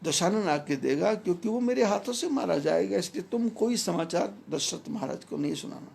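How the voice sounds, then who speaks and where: Male spiritual teacher, emphatic measured preaching, gravelly edge to the voice. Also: sits high, animated, darkish tone. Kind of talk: devotional discourse.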